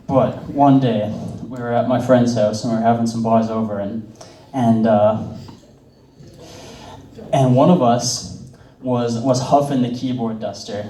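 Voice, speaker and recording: A man's voice: mid-range voice, dark tone. A young man telling stand-up stories in a rambling way, full of fillers, laughing at his own jokes. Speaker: stand-up comedian. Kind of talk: stand-up storytelling. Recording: roomy, distant mic.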